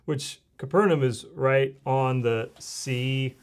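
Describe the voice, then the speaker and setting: A man in mid pitch who talks slowly and calmly while co-hosting a faith reaction show. He explains scripture in an affirming, teaching way and often backs up his co-host. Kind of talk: casual chat reacting to a show.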